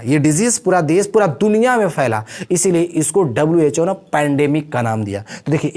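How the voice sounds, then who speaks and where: A man's voice: sits high, a little mellow. A man teaching English vocabulary in a lesson. He explains each word step by step and keeps checking in with his students. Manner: explains step by step, with frequent "theek hai" check-ins.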